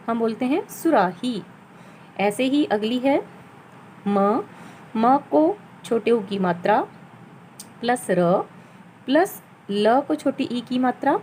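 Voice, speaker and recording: A woman teacher with a fairly high voice walks young pupils through a reading lesson, building each word one sound at a time. She speaks very slowly and patiently. A faint hiss of noise sits behind her voice. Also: darkish tone, rough recording. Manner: slow, patient, spelling words out sound by sound. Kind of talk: children's Hindi reading lesson.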